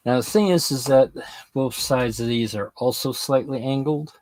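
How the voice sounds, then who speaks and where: A man hosting a hobby livestream, talking slowly and haltingly as he works on a craft project. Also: mid-range voice, darkish tone, dry recording. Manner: slow, halting, thinking aloud while working. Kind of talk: casual livestream commentary while crafting.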